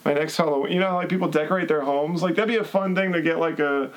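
A man's voice: a little high, fast talker, poor audio. A man hosting a podcast, chatting casually about a movie in a rambling way full of fillers. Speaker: podcast host.

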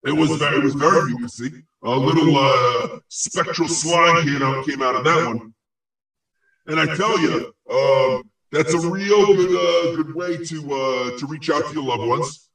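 Playing a crude ghost who delights in spite, a man speaks in a slightly high, creaky, fairly bright voice full of gleeful malice. His insults and prophecies come out pompous and halting, as in a comic audio play, and the sound is far off and very echoey.

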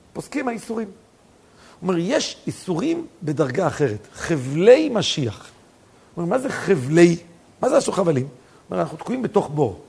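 A male rabbi preaching a sermon full of stories, telling them with animation and rising to near-shouts for emphasis. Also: high-pitched, vocal fry, husky.

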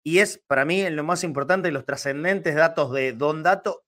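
An Argentine man giving animated, emphatic football talk as a pundit, repeating words to drive his points home. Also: on the high side, normal speed. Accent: Argentine Spanish.

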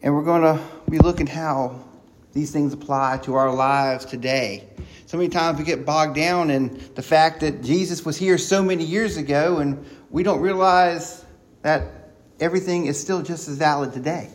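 A man preaching a sermon, excited and quick, with frequent restarts and repeated words. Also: fairly high pitch. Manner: excited, talking fast with many restarts.

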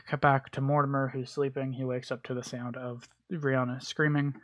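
A man's voice: mid-range voice, little pitch movement, normal speed, a bit bright. A man hosting a podcast alone, recapping a bad movie in a rambling, crude, joking way with lots of fillers. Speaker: podcast host. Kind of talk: casual solo movie recap.

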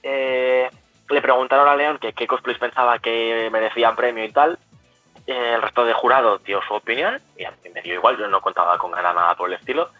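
A man's voice: mid-range voice, a little fast, no room sound, narrow, tinny audio, faint music behind. A young man, telling stories as a guest in a casual chat, with frequent restarts and self-corrections. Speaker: guest cosplayer. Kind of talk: casual storytelling.

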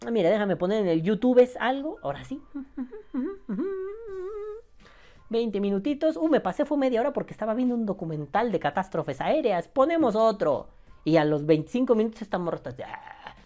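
A man's voice: high-pitched, big pitch swings, fast talker, dark tone. A Mexican man hosting a podcast, ranting casually in a profane, sarcastic, rambling way. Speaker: podcast host.

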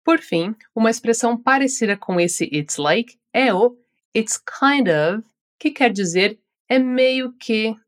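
A woman's voice: a little high, lively intonation. Brazilian woman teaching English pronunciation. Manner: slow, carefully articulated model phrases for repetition. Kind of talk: scripted language lesson.

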